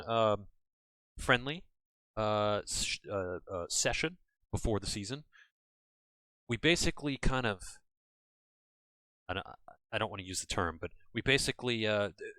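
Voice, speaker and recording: An American gaming channel host chats and rambles through a casual let's-play from home, often correcting himself. His voice sits on the low side and sounds pushed and bright, with no echo.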